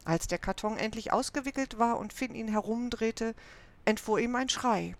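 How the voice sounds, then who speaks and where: A woman reading a children's story aloud in a calm, even manner. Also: a little high, normal speed. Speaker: narrator.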